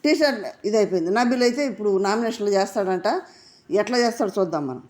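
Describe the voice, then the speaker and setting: A woman's voice: mid-range voice, lively intonation, quick pace, darkish tone. A woman giving a casual episode analysis of a reality show, indignant and firing off rhetorical questions.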